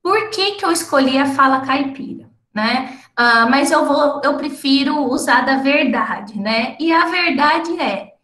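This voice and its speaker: A woman's voice: sits high, lively intonation, measured pace, hardly any pauses, bright, forceful tone, reverberant. A woman from the interior of São Paulo state with a caipira accent, giving an explanatory academic talk and often checking in with her listeners. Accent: caipira, interior São Paulo Portuguese. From interior of São Paulo state, Brazil. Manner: explanatory, frequent tag questions. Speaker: lecturer.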